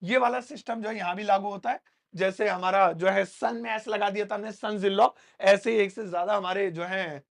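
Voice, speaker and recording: A man teaches a spoken English lesson in a classroom. His delivery is playful and lively, with joking asides to the students. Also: high voice, normal speed, creaky.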